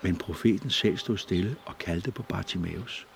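A man narrating a storybook audiobook in a steady, measured way. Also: deep voice, gravelly, slight background noise. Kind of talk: scripted narration.

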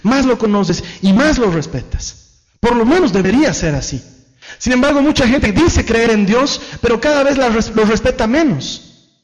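Animated high-voiced male preacher. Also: moderate pace. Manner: animated preaching, acts out imagined excuses in quoted voices. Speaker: pastor. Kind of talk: sermon. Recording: dull lo-fi sound.

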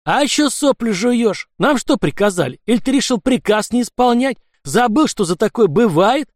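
A man doing a shouting brutal anarchist thug. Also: high-pitched, very animated, brisk, dry recording, studio quality, pitched above the performer's own voice. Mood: shouting, threatening. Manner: shouting, threatening. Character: hotheaded brutal male anarchist fighter. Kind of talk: audiobook character voice.

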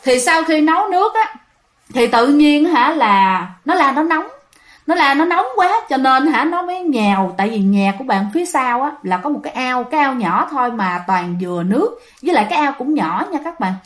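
A woman's voice: high voice, animated, normal speed. A woman telling ghost stories in a chatty, dramatic way, often addressing her listeners. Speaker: ghost story narrator. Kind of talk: casual storytelling to listeners.

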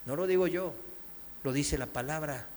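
A man's voice: a little high, normal speed, a little mellow, slight background noise. A man with a Mexican accent preaching a sermon, emphatic, firing rhetorical questions at the congregation. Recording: long reverb in a hall.

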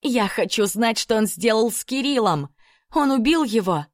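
A woman's voice: a little high, measured pace, no echo, studio quality, pitched above the performer's own voice, close to an everyday voice. A woman voicing a desperate young captive woman, tearful and pleading, in an audiobook.

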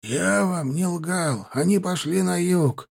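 A man's voice: high-pitched, very animated, a little slow, dark tone, voice pushed up, full character voice. A man voicing a humble old shepherd who implores the riders. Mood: imploring.

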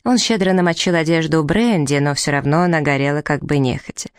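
A woman reading a novel aloud as narrator, in even, measured storytelling. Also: deep voice, clean tone, no room sound, clean studio sound. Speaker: audiobook narrator. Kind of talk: scripted narration.

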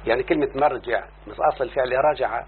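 A man's voice: mid-range voice, racing. A man with an Egyptian accent teaching a lesson in a classroom style, explaining each point and constantly asking his student whether he has understood. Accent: Egyptian Arabic. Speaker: teacher of Arabic morphology. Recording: tinny lo-fi recording with faint hum.

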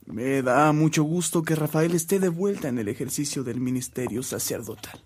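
A man plays a visiting senior cleric in a radio drama. His voice is a little high, and he speaks with polite, formal dignity. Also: moderate pace, darkish tone, a little hiss or hum, lightly acted. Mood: courteous, pleased. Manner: courteous, formal.

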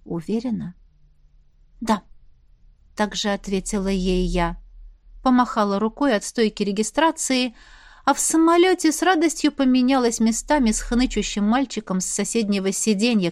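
A woman narrating an audiobook in the first person, soft-spoken, dropping to a hush for some of her own replies. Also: medium pitch, brisk, no room sound, studio quality.

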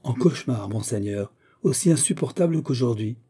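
A man reading aloud voices a proud, scornful young noblewoman, raising his voice higher and sharper for her haughty, indignant replies. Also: animated, normal speed, warm tone, husky.

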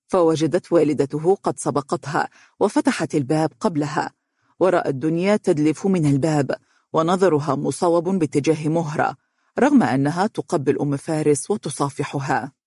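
A narrator reading an audiobook story in an even, measured storytelling voice. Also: medium pitch, slightly rough, no echo, studio quality.

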